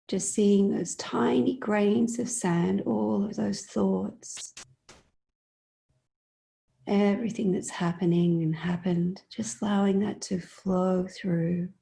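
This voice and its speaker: Speaking softly and at times breathily, a woman guides a meditation in a soothing, gentle way, with long pauses between phrases. Her pitch sits in the middle range.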